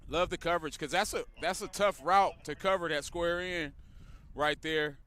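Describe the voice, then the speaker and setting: High, bright laid-back football analyst. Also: male voice, steady tone, normal speed. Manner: laid-back, laughs often. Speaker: color commentator. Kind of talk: casual sports analysis.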